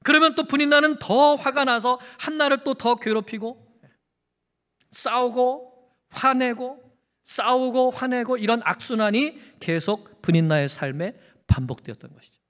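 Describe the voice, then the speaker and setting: A male pastor preaches with a very high, bright, ringing voice, often asking his congregation questions and repeating key phrases. His voice carries a long reverb from a large church sanctuary. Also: normal speed. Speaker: senior pastor. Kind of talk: sermon.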